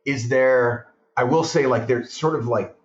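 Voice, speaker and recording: A mid-range male voice at a measured pace belongs to a podcast guest, a film director originally from Portugal. His casual conversation is full of long, rambling anecdotes told with animation, in a muffled, roomy recording.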